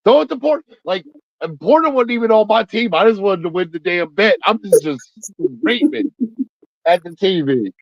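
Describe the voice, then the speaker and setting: A man's voice: high-pitched, lively intonation, normal speed, dry recording, muffled recording. A man co-hosting a casual fantasy football podcast, rambling with lots of fillers, swearing casually and getting worked up. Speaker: podcast co-host.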